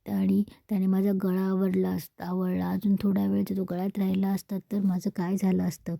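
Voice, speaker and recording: A woman's voice: mid-range voice, monotone, moderate pace, creaky, warm tone, no echo. A woman reading the lines of a frightened middle-aged woman in a TV serial. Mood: anxious. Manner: anxious, plainly read.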